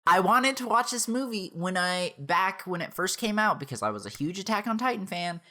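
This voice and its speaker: A young woman in her twenties ranting a movie review straight to camera, exasperated, breaking into laughter and yelling between calmer stretches. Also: mid-range voice, fairly quick. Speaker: YouTube reviewer. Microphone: camera mic, facing the camera.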